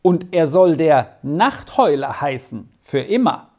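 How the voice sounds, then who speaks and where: Bully schoolboy, loud and threatening, raised pitch, voiced by a slow-paced audiobook reader. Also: expressive, heavily acted. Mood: shouting furiously. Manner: shouting, threatening. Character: furious bullying older schoolboy, hot-tempered. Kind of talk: audiobook reading.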